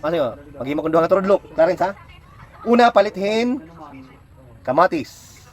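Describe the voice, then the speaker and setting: High-voiced patient man tutoring a child. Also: expressive, fast talker, a little mellow. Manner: patient, coaxing, asks many questions. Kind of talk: home lesson, quizzing a child.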